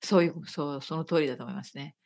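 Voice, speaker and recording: A woman co-hosting a podcast, chatty and agreeable, with quick backchannels. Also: sits low, darkish tone. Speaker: podcast co-host. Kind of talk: casual chat.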